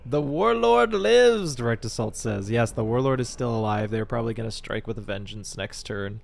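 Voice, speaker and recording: A man hosting a live stream of a board game, commentating as he plays and bursting into shouts and laughter. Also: fairly low pitch, flat delivery, brisk. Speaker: streamer and channel host.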